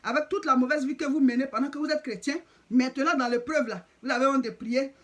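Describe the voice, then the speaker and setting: Woman preacher, high voice, insistent and repetitive sermon delivery. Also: steady tone, fast.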